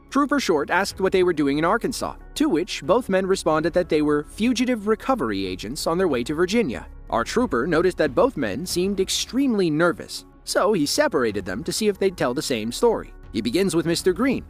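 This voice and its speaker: Man, American accent, scripted true-crime narration, slightly high pitch, expressive intonation. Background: faint music.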